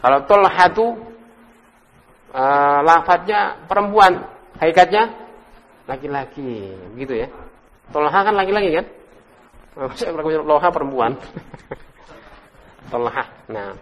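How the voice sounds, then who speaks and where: A man leads an Arabic class. He quizzes students one by one, praises their answers and draws out the drill words slowly. His voice sits fairly high for a man, and it rings in a hall with a long echo. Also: expressive, fairly bright tone, dull audio. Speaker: Islamic teacher leading an Arabic class. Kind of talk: interactive classroom lesson. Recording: reverberant room recording.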